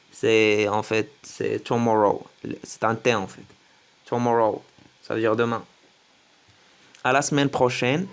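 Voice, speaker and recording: A man teaching English greetings to French speakers, slowly repeating each phrase several times. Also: medium pitch, vocal fry, fairly bright tone. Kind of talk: French-language English lesson.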